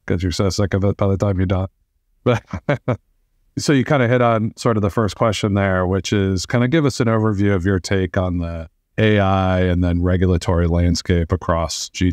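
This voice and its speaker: A male podcast host with a low voice introduces and questions his guest in a relaxed, friendly way, with the odd joke. The sound is dry and close. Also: no echo. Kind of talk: interview podcast.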